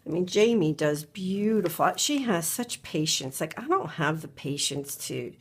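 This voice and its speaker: A middle-aged woman with a slight cold-induced congestion hosts a craft video, chatting, musing aloud, and repeating words to herself as she works at her desk in a relaxed tutorial. Her low voice has lively intonation, a breathy edge, and a slightly slow pace. An overhead camera above the desk shows only her hands.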